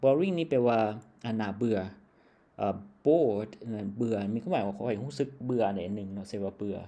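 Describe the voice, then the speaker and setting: A man's voice: fairly low pitch, expressive, a little fast, dark tone. A man from Laos teaching English grammar in a patient lesson style, checking in with a short tag word after nearly every phrase.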